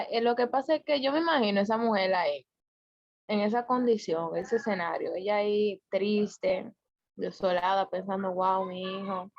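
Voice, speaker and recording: A woman's voice: medium pitch, no echo, muffled recording. A woman sharing her thoughts in a group Bible study, reflective and thinking aloud.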